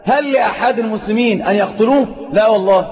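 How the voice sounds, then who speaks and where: Egyptian male sheikh, quick and high, emphatic lecture, lo-fi echoey hall recording. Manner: emphatic, rising to forceful stress on key points. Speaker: sheikh teaching a religious lesson. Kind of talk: religious lecture.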